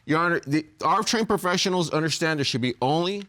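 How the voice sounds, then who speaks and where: High-pitched man, defensive TV court litigant. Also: fast talker, pushed and bright. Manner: defensive, insistent.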